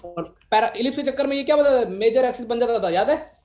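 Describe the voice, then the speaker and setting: A man's voice: very high-pitched, animated, crowd noise. A man teaching maths in a live class, mixing Hindi and English with an Indian accent, dictating notes and quizzing his students. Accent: Indian English mixed with Hindi. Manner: dictates slowly, quizzes students, calls them beta. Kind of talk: live online class lecture.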